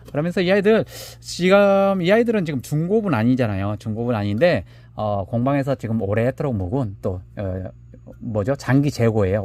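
A man showcasing handmade plant pots in a relaxed selling chat. His pitch moves up and down a lot as he talks. He measures each pot aloud and fondly calls the pots "little ones". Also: no room sound. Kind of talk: product showcase live sale.

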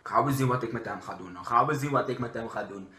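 A man's voice: medium pitch, fast talker, sharp tone, pitched below the performer's own voice, lightly acted. A young man playing a fed-up Surinamese-Dutch burglar in a comedy sketch, indignant and repetitive, with a Surinamese Dutch accent. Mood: grumbling. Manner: indignant, repetitive, tag word at sentence ends. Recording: roomy echo of a bare room.

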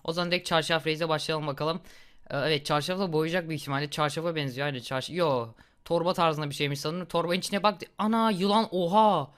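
A young man in his twenties chats through a gory game with a bright, forceful voice. He reacts loudly and laughs often. His tone is smooth and clear. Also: on the high side, fast talker. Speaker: gaming YouTuber. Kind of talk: casual gameplay commentary.

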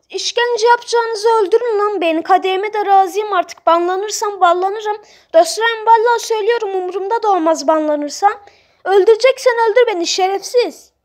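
A woman giving excitable, blunt let's-play commentary, trash-talking other players. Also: very high-pitched. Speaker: gamer playing on a role-play server.

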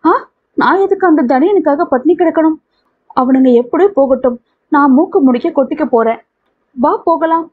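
A woman's voice: high-pitched, lively intonation, moderate pace. A woman reading the part of a proud, hurt young woman who speaks defiantly and indignantly. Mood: sulking. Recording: tinny phone-like audio.

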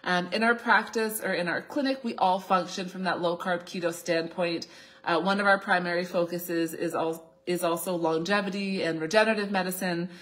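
A woman in her thirties with a slight cold hosts an informal live Q&A as a naturopathic doctor, seated at a desk in a small indoor office. Her voice is lowish and fairly bright, with a steady tone and normal speed as she explains things.

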